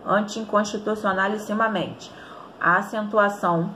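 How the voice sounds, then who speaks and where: With a Brazilian Portuguese accent, a woman gives an online grammar lesson, walking through each step and frequently checking in with her students. Her voice is mid-range, and there's a slight hiss or hum in the recording.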